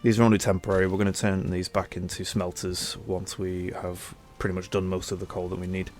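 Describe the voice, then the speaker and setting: Faint music plays behind a young man's low, darkish voice, which stays level and brisk. The gaming channel host, congested from a cold, chats in a relaxed way, thinking aloud during casual gameplay commentary.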